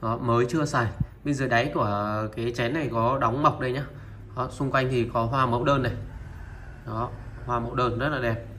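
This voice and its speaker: A man of middle pitch presents second-hand Japanese wares one after another and opens almost every sentence with the same pointing word. He speaks to his viewers familiarly and pauses with filler sounds as he goes. Dishes and cutlery clink in the noisy background. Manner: steady, repetitive, opens nearly every line with a pointing word. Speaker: seller of used Japanese goods. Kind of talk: product showcase sales talk.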